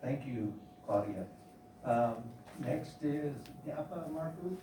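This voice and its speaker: A man's voice: mid-range voice, expressive, recorded from a distance, noisy background. Man chairing a hearing, echoey room. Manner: brisk, procedural. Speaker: committee chair.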